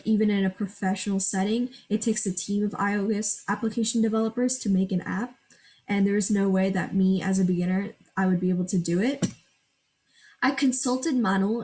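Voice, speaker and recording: A native Gujarati-speaking teenage girl presents a school project from a prepared script, explaining each screen step by step. She has a mid-range, darkish voice, captured in a rough recording.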